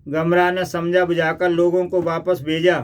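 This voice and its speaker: High-voiced, slow male comic narrator. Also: monotone, smooth.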